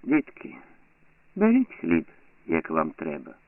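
A man putting on a calm older peasant neighbor, soft-spoken and gently ironic. His voice is low and gravelly, and the sound is tinny and phone-like. It plays as an audiobook scene. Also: unhurried.

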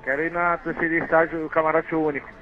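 A man's voice: on the high side, level tone, quick pace. A man in his thirties, a radio caller heard over a phone line, giving short laid-back answers. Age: 30s.

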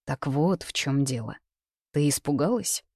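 A man's voice: on the high side, expressive, measured pace, a little mellow, dry recording, studio quality. A reader voicing a young man, a persistent and jealous suitor who pleads and turns bitter, in a read-aloud novel. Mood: hurt. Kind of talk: audiobook character reading.

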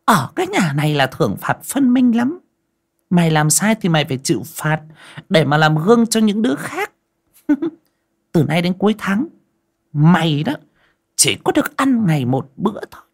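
A narrator voicing a cruel mistress of the house who scolds in a sour, shrill voice. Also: big pitch swings, moderate pace, pauses often. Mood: scolding.

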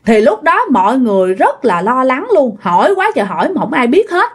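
A woman with a high, breathy-edged voice tells a ghost story casually, very animated and fairly quick. She has a Southern Vietnamese accent and chats directly with her listeners.

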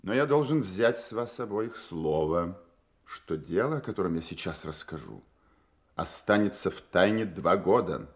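A man's voice: low voice, animated, normal speed. An actor playing a proud, imperious king in a Russian audio play, stately, formal and commanding. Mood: haughty, guarded. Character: proud, imperious masked king posing as a count.

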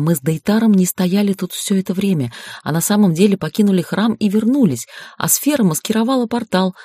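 A woman reading a first-person audiobook narration in a steady, lightly ironic way. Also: lowish voice, breathy edge, dry recording, studio quality. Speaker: audiobook reader.

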